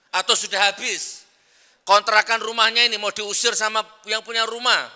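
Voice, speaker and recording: A man's voice: high-pitched, sharp tone, smooth. A man preacher giving a sermon to a live congregation, talking directly and coaxing the crowd to raise their hands. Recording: long hall reverb.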